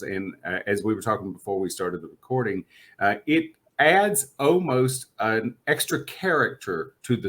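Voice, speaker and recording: A man hosts a casual podcast interview about books, chatty and enthusiastic and laughing often with his guest. His mid-range voice is a bit bright.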